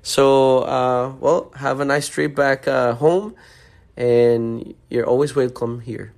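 A man's voice: mid-range voice, steady tone, takes it slowly, gravelly, a little mellow. Rambling Honduran-born man hosting a podcast. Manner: friendly, rambling, many fillers. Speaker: podcast host. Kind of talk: casual podcast chat. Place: Miami.

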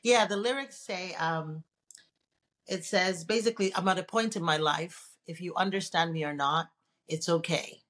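A woman from Nigeria, a guest on an interview show, telling her story in a relaxed, chatty way. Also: fairly low pitch, normal speed. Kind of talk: casual interview conversation.

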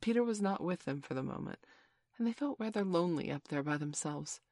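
A woman narrating a children's storybook in a measured, expressive reading voice. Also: fairly low pitch, no echo, clean studio sound. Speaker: audiobook narrator.

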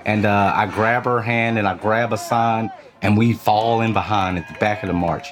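A man's voice: fairly low pitch, normal speed, faint music behind. Casual Midwestern man telling his story. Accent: Midwestern American. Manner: casual, animated retelling with acted-out quotes. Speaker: labor organizer, former fast-food worker. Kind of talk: interview storytelling.

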